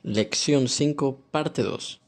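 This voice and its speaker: Man, language course narrator, calm measured delivery, scripted audiobook reading. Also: mid-range voice.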